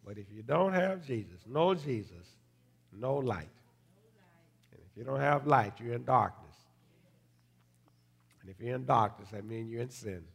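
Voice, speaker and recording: An older man preaching a church sermon in an exhortatory way, with a gravelly voice, punctuating his points with amens. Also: mid-range voice, lively intonation, unhurried, pauses often. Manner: exhortatory, repeatedly punctuating with amen. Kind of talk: church sermon with altar call.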